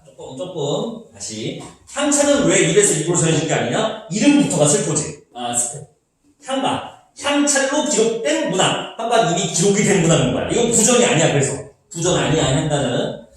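A male Korean literature teacher giving a chatty lecture, asking questions and answering them himself. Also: on the high side. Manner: animated, chatty, asks and answers his own questions. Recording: echoey room, mic far off.

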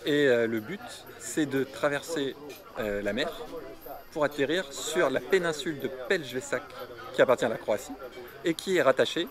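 A man's voice: medium pitch, moderate pace, a crowd in the background. A man from France chatting in a casual travel vlog, joking and telling an anecdote with mock formality. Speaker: travel companion.

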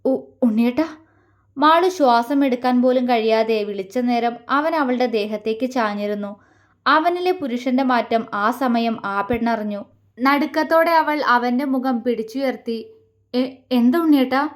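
Female storyteller reading a romance serial; gentle, emotive, somewhat high pitch. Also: normal speed. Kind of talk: reading an audio love story.

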